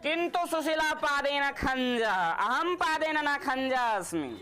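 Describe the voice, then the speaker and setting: A woman's voice: high-pitched, expressive, slow pace, pushed and bright, some chatter behind. A woman teaching a Sanskrit class, quizzing and teasing her students.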